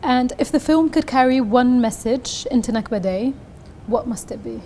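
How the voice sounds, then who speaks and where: A woman's voice: fairly high pitch, animated, normal speed, mellow, a little hiss or hum. A woman of Palestinian origin interviewing a guest, asking brief questions and giving short affirming murmurs. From Palestinian, from Hebron.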